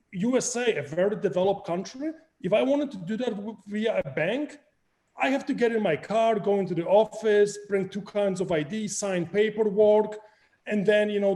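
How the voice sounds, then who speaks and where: A man from Poland with a Polish accent speaks at normal speed in a high, mellow voice. He's a crypto project founder appearing as a guest in a video call interview, energetic and explaining with hand gestures. He's on a webcam in a home room decorated with framed art and plants.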